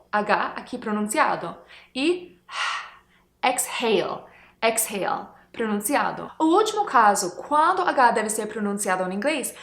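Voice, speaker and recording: Female pronunciation teacher, high voice, casual lesson tone, echoey room. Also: fairly bright tone. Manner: light laughing, slow modelled example words.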